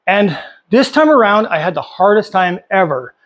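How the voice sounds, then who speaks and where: A man's voice: sits high, very animated, normal speed, a bit bright. A man in his fifties talking casually and candidly to camera as a vlogger, with many fillers and restarts. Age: 50s. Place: home workshop.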